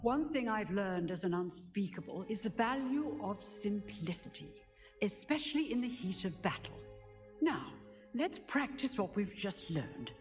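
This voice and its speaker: A woman playing a stern, boastful elderly witch professor in a video game, with a crisp, commanding way of storytelling. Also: mid-range voice, animated, a little slow, natural voice. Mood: brisk, instructing. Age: older. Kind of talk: video game character acting. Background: music.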